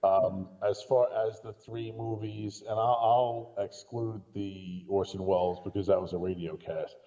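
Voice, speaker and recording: On a dull, lo-fi recording, a podcast guest talks films in a relaxed, opinionated way. His voice is fairly low and warm, with a measured pace and fairly even intonation.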